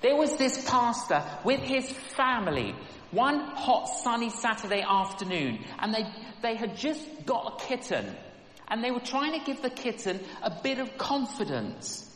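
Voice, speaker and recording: A man preaching a sermon as a lively, rhythmic story with plenty of repetition, in a large hall. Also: extremely high pitch, measured pace. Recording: echoey hall with background noise.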